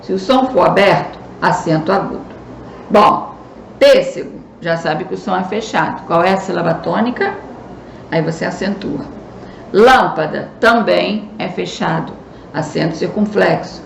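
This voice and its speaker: With a lowish, gravelly voice at normal speed, a Brazilian woman teacher patiently explains a recorded school lesson in a Brazilian Portuguese accent, putting stress on key words. Faint noise and room echo are audible.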